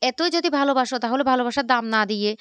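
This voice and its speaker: A woman's voice: sits high, fast, a bit bright, clean tone. A woman voicing an angry middle-aged father who accuses a young man.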